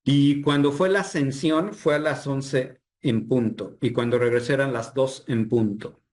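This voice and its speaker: A man's voice: medium pitch, fairly even intonation, measured pace, darkish tone. A man from Mexico with a Mexican Spanish accent, a healer telling an experience as an interview guest, earnest and re-enacting the dialogue as he goes. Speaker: healer and spiritual guide, guest. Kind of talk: storytelling interview.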